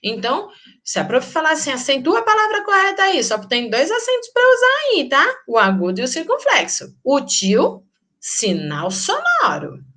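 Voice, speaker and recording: A woman teacher with a Brazilian Portuguese accent, giving a grammar lesson in a lively, sing-song teacherly way. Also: high-pitched, normal speed.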